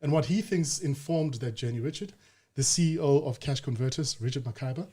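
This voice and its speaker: A man in his thirties hosts a business podcast. He talks at a rapid clip with a mid-range voice, and he speaks straight to his audience in an upbeat, energetic way. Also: mid-range voice, husky. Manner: energetic, direct address to the audience. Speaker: podcast host. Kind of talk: podcast interview.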